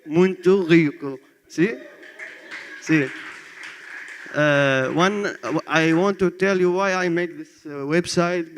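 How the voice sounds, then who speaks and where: A young Iraqi man with an Arabic accent talks slowly in simple broken English. His voice is smooth and resonant, and a long hall reverb trails behind it. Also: mid-range voice, a bit bright. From Iraq. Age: 20s. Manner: broken English, short phrases, laughs often. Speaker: student presenting his app. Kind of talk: demo presentation.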